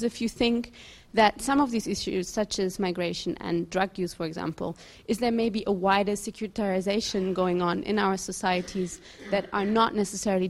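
A woman's voice: medium pitch, darkish tone. A woman in the audience asking a long academic question, thoughtful and rephrasing as she goes.

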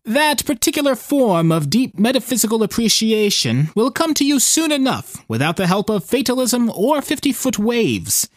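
A man's voice: very high voice, big pitch swings, no echo, clean studio sound, pitched above the performer's own voice. A man playing a cheerful old fisherman. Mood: wry. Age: older. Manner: hearty and unhurried. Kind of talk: storybook reading.

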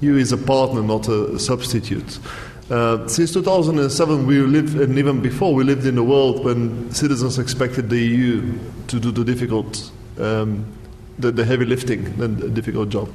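Measured male panelist in an echoey hall. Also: mid-range voice, steady tone, a little mellow. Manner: measured, explanatory, with frequent ums. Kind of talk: panel discussion answer. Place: large hall. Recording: echoey hall, faint background noise.

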